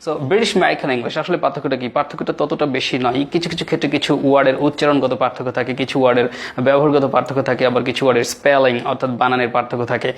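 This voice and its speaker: A man with a Bengali accent teaching an English lesson in a classroom, explaining step by step and repeating example words slowly. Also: medium pitch, steady tone. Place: classroom with whiteboard.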